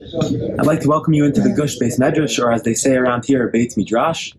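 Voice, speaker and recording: A man's voice: mid-range voice, a little fast. A young man giving a Torah lesson, reading Hebrew and Aramaic sources aloud and explaining them in English. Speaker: Torah teacher. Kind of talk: recorded Talmud lecture. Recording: clear background noise with passing vehicles.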